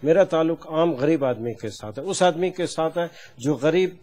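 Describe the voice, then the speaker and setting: A man with a somewhat high voice speaks as a lawyer on a political talk show. He talks emphatically and stacks up repeated phrases to drive each point home. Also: a little mellow. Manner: emphatic, repetitive. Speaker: lawyer guest. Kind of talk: political debate.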